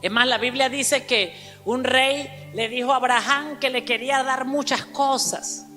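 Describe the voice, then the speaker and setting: A woman preaching a sermon to a congregation, emphatic, calling out to the listeners and spelling out words slowly. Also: high-pitched, steady tone, sharp tone. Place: church hall. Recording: church hall reverb with faint music.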